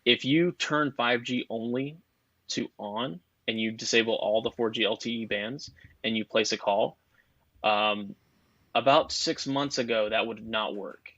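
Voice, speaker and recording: Male podcast guest, technical explainer, lowish voice, slightly dull dry recording. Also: steady tone, a little slow, a bit bright, no echo. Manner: explains technical details at length, chatty. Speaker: guest telecom expert. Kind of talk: casual podcast chat.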